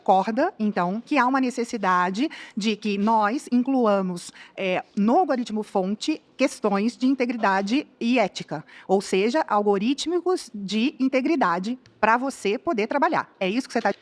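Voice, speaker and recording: A woman's voice: on the high side, expressive, moderate pace, few pauses. A woman in her fifties, a public policy specialist, making a formal, technical case in a debate. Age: 50s.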